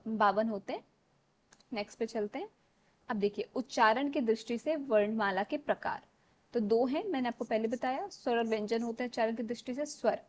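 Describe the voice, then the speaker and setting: A woman teaching an exam revision lesson. She explains step by step, mixes in English words and keeps checking with the class. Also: fairly high pitch.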